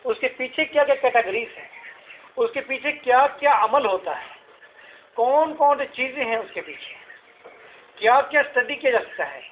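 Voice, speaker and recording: A man's voice: very high voice, animated, normal speed, a little hiss or hum. A man giving a classroom lecture, explaining through repeated questions and examples. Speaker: teacher. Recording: tinny lo-fi classroom recording.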